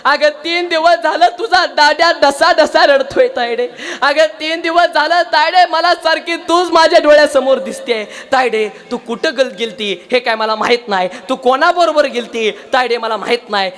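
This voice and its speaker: A man's voice: very high voice, moderate pace, fairly bright tone, pitched above the performer's own voice. A young man, preaching, voices a grieving father who begs for his lost daughter in a pleading, tearful way. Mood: anguished.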